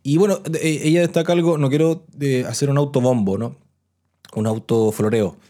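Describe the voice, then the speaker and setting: A Chilean man hosts a podcast casually and chattily, frequently restarting phrases while introducing listener messages. He speaks Chilean Spanish at a normal speed in a medium-pitched, dark-toned voice.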